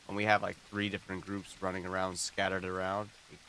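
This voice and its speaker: A man chatting casually on an early morning game live stream, speaking quietly with a groggy morning voice. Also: low-pitched, monotone, fairly quick, a little hiss or hum, low-quality recording.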